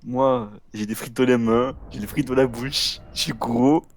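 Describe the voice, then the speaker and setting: A man's voice: medium pitch, steady tone, a little slow, slight background noise. A man in his twenties telling a rambling childhood story on a game stream, restarting his sentences and acting out the voices of the people in it. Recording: game music playing behind.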